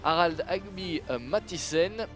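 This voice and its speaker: A man's voice: high-pitched, animated, music in the background. A man working as a motorsport commentator, calling a live kart race with lots of hesitant filler sounds. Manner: hesitant delivery, frequently padded with drawn-out filler sounds. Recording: noisy trackside sound with engines. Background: outdoor ambience and vehicle noise.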